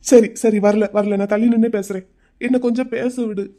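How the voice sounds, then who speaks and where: A woman's voice: mid-range voice, steady tone, moderate pace, mellow, close to an everyday voice. A woman voicing an anxious young husband in a cartoon drama, pleading with his wife not to leave. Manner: pleading, coaxing.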